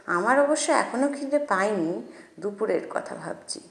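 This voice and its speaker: A woman's voice: medium pitch, lively intonation, a little slow, gravelly, a bit bright, reverberant. A woman voicing a cocky teenage boy who teases and jokes. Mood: teasing. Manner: teasing, cocky. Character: cheeky bold teenage boy.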